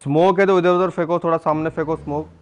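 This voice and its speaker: A slightly high-voiced man calls out enemy positions over gaming voice chat. He talks urgently and repeats his orders again and again. A faint hiss of noise sits under his voice. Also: fairly even intonation. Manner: urgent, repeats commands rapidly. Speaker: gamer giving team callouts.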